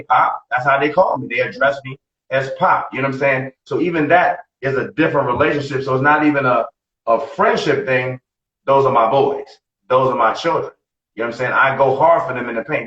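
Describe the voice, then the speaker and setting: A man's voice: medium pitch, fairly bright tone. A man in his late forties talking bluntly and profanely on a casual podcast, often repeating himself. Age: 40s. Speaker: podcast co-host. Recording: roomy, distant, dull lo-fi sound.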